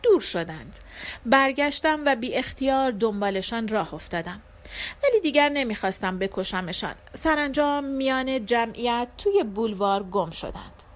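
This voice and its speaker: A woman reading a literary short story aloud as an audiobook narrator, in a measured, dramatic first-person style. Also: a little high, expressive.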